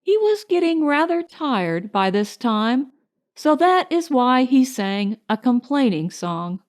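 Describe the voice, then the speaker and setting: A woman narrating a children's storybook in an unhurried, expressive way. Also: high-pitched. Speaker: audiobook narrator.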